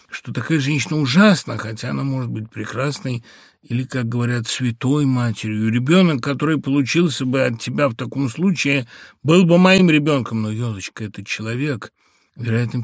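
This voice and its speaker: A man's voice: no echo, studio quality, natural voice. A man reading an anxious tender husband. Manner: pleading, emotional, rises in pitch when agitated.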